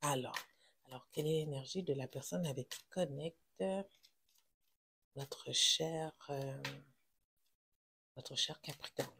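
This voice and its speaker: A tarot reader with a Québécois French accent gives a casual, reassuring reading to viewers. The speech is halting, with many fillers and self-corrections. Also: medium pitch, steady tone, noisy background.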